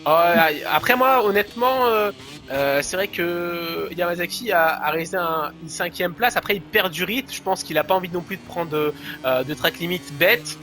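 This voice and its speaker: A man's voice: sits high, moderate pace, bright, forceful tone. A man giving live play-by-play as a motorsport commentator on a motorcycle racing game.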